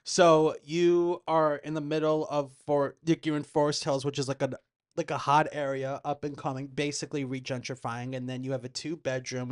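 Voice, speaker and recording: A man's voice: mid-range voice, smooth. A man who works in real estate, chatting as a podcast guest in a playful, rambling way. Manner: playful, quick-witted, rambling. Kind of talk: casual chat.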